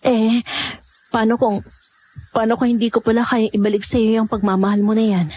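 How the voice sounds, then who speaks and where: A woman's voice: fairly high pitch, little pitch movement, brisk, dark tone, natural voice. A woman playing a frightened young village woman who talks in an anxious, questioning way. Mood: unsure. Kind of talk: Tagalog audio horror drama.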